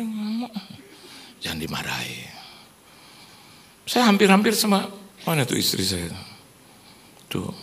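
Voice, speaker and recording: Middle-aged pastor guy preaching in church, really lively up-and-down voice, acting out everyone in his funny stories. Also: medium pitch, slight background noise. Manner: animated, acts out quoted voices, jokes with congregation. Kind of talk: lively sermon with humorous storytelling.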